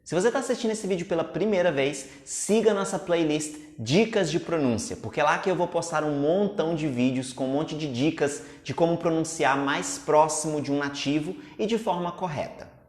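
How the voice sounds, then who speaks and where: A teacher from Brazil talks viewers through a video lesson with an upbeat, chatty Brazilian Portuguese accent. The voice sits at a middle pitch. The room gives the voice a noticeable echo. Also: moderate pace, hardly any pauses, a little mellow. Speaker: English pronunciation teacher.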